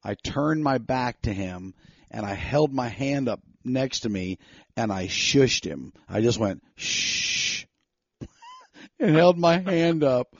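Animated man telling a story. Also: medium pitch, vocal fry, no echo. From North Carolina. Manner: animated storytelling, quick bursts when heated. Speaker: podcast co-host. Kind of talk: casual chat. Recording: slightly dull dry sound.

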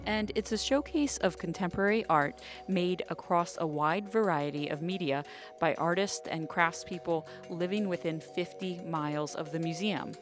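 A woman's voice: fairly low pitch, moderate pace, over music. A woman co-hosting an arts show, reading scripted narration as a presenter. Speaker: co-host, media producer.

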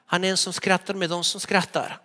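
A pastor with a high, bright voice delivers a sermon as animated storytelling, sometimes acting out the people in his tales. A long church reverb trails after his words.

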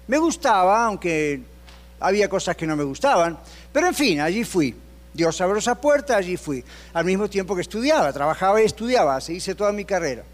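Older man, pastor, sermon, high-pitched voice, animated delivery, acts out quoted voices. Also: in a large hall. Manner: asks the congregation questions. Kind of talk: sermon with personal story.

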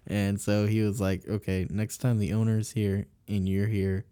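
A man's voice: on the low side, level tone, moderate pace, dark tone, smooth. A man, co-hosting a casual chat and rambling through stories with fillers and laughs.

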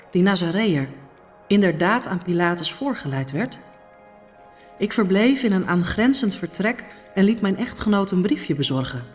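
A woman plays a Roman noblewoman haunted by dreams, telling them in a solemn, hushed monologue. Her pitch swoops widely between low, grave phrases and raised, urgent ones. Soft music sits quietly behind her. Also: natural voice. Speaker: Pilate's wife. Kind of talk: dramatic first-person monologue.

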